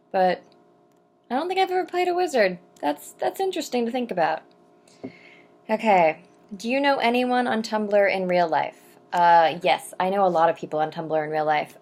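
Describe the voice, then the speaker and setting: A young adult woman, a vlogger answering viewer questions, chats casually to camera, rambling with lots of ums and side remarks. Her voice is on the low side, and when she reads poetry she takes it slowly and deliberately.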